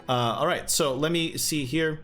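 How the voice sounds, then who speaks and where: A young game master hosting a stream speaks at normal speed in a fairly bright voice on the high side, with fairly even intonation. Faint music plays as he reads chat questions and rambles casually, full of fillers and false starts.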